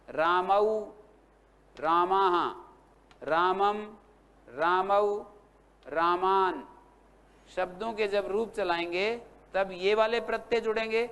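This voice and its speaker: A man's voice: high-pitched, clean tone. A man teaching a Sanskrit grammar class, patiently quizzing his students and reciting word forms one by one. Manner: patient, drills students with questions and repetition; spells out word forms slowly. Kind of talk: classroom lecture.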